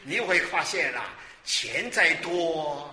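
A man in his sixties preaching a sermon, lively and exclamatory, asking questions and answering them himself. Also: a little high, slow, crowd noise. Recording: roomy hall with faint ambience.

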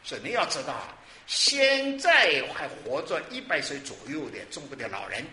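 A man in his sixties preaching a sermon, lively and exclamatory, asking questions and answering them himself. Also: fairly high pitch, normal speed, slight background noise. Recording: roomy hall with faint ambience.

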